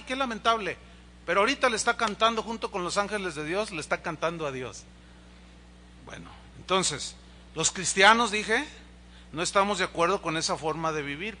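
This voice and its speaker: A man's voice: sits high, bright, forceful tone, slight background noise. A man, a pastor preaching a conversational sermon in a church, asking the congregation rhetorical questions and acting out quoted dialogue. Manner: acts out dialogue in quoted voices.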